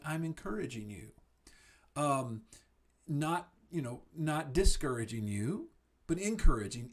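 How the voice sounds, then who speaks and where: Earnest man giving a recorded lecture. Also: on the high side. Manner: earnest, encouraging, repeats and restarts words. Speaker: student services presenter. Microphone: computer mic on a video lecture.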